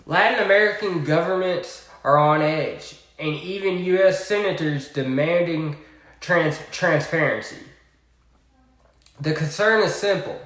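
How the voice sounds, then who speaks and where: A man with a Southern US accent giving a political commentary monologue, deliberate, with sarcastic asides. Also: a little high, fairly bright tone, reverberant.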